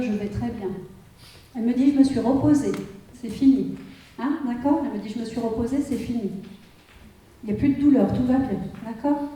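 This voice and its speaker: A woman's voice: a little high, warm tone, distant mic, slight background noise. A woman medium giving a live reading to an audience, checking in constantly with "hein" and "vous comprenez". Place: conference hall before an audience. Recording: roomy hall, voice from afar.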